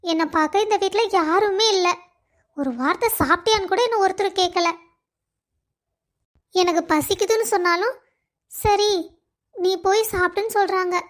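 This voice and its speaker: A woman's voice: very high-pitched, moderate pace, pauses often. A woman voicing a loving young wife who pleads and complains of being alone. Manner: pleading, plaintive.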